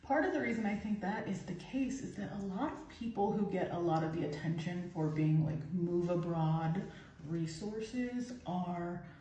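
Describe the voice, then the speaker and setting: A woman's voice: fairly low pitch, normal speed, warm tone, slight background noise. An American woman talking candidly to camera at home, giving her opinions in a casual vlog with lots of "like.". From United States. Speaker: vlogger living abroad. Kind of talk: casual talking-head commentary. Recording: roomy echo, distant mic, faint ambience.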